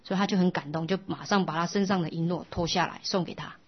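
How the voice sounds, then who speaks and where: A woman teaching a Buddhist dharma talk, telling a story in a gentle, storytelling way. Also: fairly low pitch, fairly even intonation, fast, breathy edge. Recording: dull lo-fi sound.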